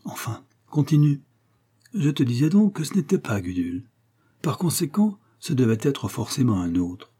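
A man voicing a pompous, doddering elderly gentleman who lectures his friend with boastful, self-satisfied reasoning in a storybook reading. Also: medium pitch, sing-song, moderate pace, husky, voice pushed up.

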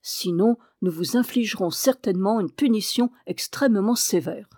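A woman's voice: medium pitch, moderate pace, dark tone, dry recording, close to an everyday voice. Storybook reading: woman voicing a severe official laying down terms, formal delivery, dry sound. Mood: stern. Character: stern male chief officer, severe judge.

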